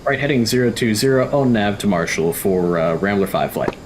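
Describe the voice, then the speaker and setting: A man's voice: on the low side, expressive, a little fast. A man leading a flight in a combat flight sim, making pilot radio calls during gameplay. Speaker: flight lead in a flight sim game. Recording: clear background noise with clicks.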